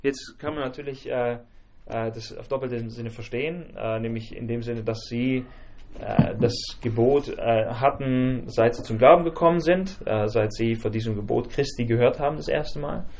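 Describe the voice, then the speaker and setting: A man teaching a Bible study group, talking in a halting way with many fillers and restarts and asking the group questions. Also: mid-range voice, background noise.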